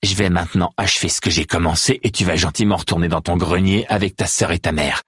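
A man's voice: deep voice, steady tone, fast, fairly bright tone, breathy edge, dry recording, clean studio sound, heavily acted. A man voicing a brutal, crude male thug in an audiobook, spitting insults with a sneer. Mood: sneering menace.

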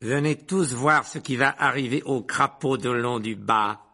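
A man voicing a cold, sneering male potions teacher who speaks slowly and with contempt, in a storybook reading. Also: mid-range voice, pushed and bright, husky, heavily acted. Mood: scornful. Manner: slow, cutting, contemptuous.

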